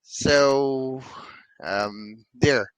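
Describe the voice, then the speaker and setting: A man hosting a community interview and asking questions in a deliberate way. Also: mid-range voice, no echo, poor audio. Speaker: AMA host.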